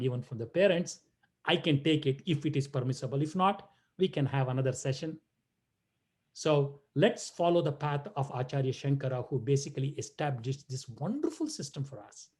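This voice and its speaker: A man's voice: on the high side, a little mellow. A man giving a playful talk to children over a video call, teasing and chanting verses. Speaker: guest speaker.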